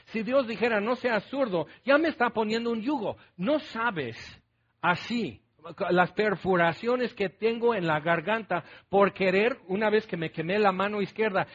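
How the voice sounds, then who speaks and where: A man delivers a sermon in a notably high voice, talking to his listeners as if in conversation. He keeps asking rhetorical questions and playfully voicing their objections. The sound is dull and lo-fi, as from a radio broadcast. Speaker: preacher.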